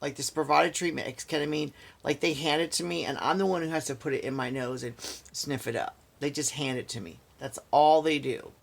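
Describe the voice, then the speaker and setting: Gravelly guy venting on his vlog, keeps repeating himself, fed up. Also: a little high, fairly even intonation, brisk. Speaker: vlogger. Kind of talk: casual ranting story to camera.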